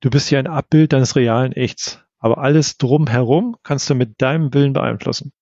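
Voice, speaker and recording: A man reading an audiobook, voicing a calm male detective who explains things patiently. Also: mid-range voice, moderate pace, dry recording, natural voice. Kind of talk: audiobook character voice. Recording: dull, slightly lo-fi.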